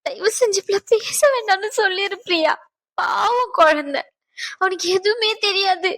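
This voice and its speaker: A woman's voice: very high voice, moderate pace, a bit bright. A woman voicing an anxious young mother and bride in a cartoon, pleading and tearful. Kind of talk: cartoon dubbing.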